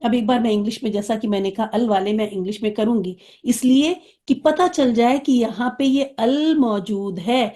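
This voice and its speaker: Woman teacher, fairly high and mellow, patient explainer, checks in with students. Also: few pauses. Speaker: Arabic teacher. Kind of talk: online class lesson.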